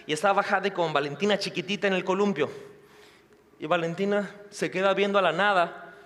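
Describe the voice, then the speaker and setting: A male pastor giving a sermon in an animated way, swinging between loud and hushed delivery. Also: high voice, a little fast. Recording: long hall reverb.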